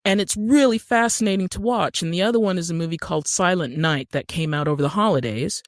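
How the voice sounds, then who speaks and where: A middle-aged screenwriter and actor from Utah tells stories as a podcast guest, speaking conversationally and with emphasis. Her voice sits fairly low and moves fast, captured with clean studio sound and no room sound.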